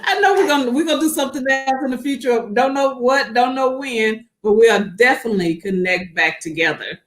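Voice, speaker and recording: A woman's voice: high-pitched, animated, brisk. Woman host in an echoey room. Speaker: church program host. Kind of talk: talk show hosting. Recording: roomy echoey sound.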